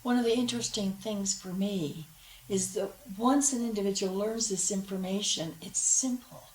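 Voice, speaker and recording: A woman co-presenting a guided imagery program, speaking in a measured, earnest way. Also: mid-range voice, darkish tone. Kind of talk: calm measured explanation. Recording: roomy with faint background noise.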